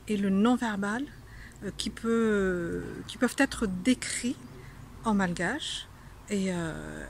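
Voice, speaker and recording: A woman's voice: medium pitch, a little hiss or hum. A woman teaching a casual video language lesson, playful, laughing often and pretending to be angry.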